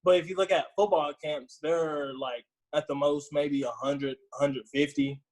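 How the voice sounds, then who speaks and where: Rambling relaxed young man guest. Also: fairly high pitch, normal speed, rough recording. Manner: relaxed, rambling, lots of filler. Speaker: podcast guest. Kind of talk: casual chat.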